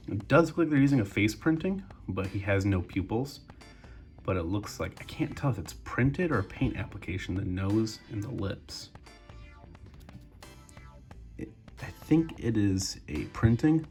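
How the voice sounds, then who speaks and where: A young man with a congested voice, breathing through his mouth as he chats casually through a toy review. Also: deep voice. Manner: relaxed, chatty, addresses viewers as guys.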